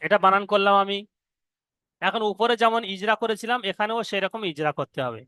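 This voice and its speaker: A man teaching Quran reading to students, spelling out each letter and syllable slowly. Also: high voice, pushed and bright, clear, resonant tone, no echo. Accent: Indian Bengali. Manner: slow, drawn-out syllable-by-syllable spelling. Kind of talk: spelling-out recitation lesson.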